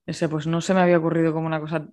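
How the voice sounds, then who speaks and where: Female podcast co-host, flat delivery, casual and amused. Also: deep voice, very fast. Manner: amused, laughs while talking. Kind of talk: casual chat.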